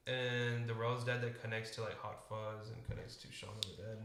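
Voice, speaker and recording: A man's voice: fairly low pitch, little pitch movement, a little fast. A man co-hosting a podcast, chatting casually and joking about films. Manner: joking, playful. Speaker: podcast co-host. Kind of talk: casual film chat. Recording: echoey room with crowd noise behind.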